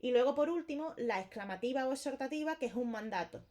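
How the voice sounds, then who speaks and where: A woman's voice: high-pitched, animated, quick pace, darkish tone. Chatty woman teaching grammar. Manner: chatty, explains with repeated examples and checks with "vale". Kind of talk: casual exam-prep lesson.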